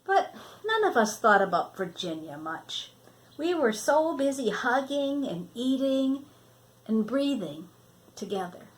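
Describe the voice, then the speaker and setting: An older woman reads a picture book aloud in a fairly high voice. Her pitch swings widely and expressively, and she stretches words out for emphasis as she narrates. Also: big pitch swings, a little slow. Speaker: children's story reader. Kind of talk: read-aloud storybook narration.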